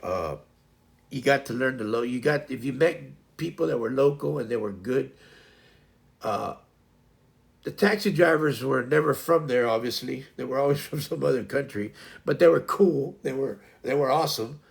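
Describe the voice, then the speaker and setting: A man's voice: mid-range voice, normal speed, gravelly. A man hosting a livestream, rambling loosely through a casual story with lots of fillers and restarts. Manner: frequent laughter. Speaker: livestream host.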